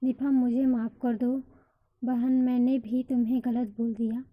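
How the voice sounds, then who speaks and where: A woman's voice: fairly high pitch, little pitch movement, measured pace, phone-quality sound. A woman voicing a kind young sister-in-law who speaks apologetically.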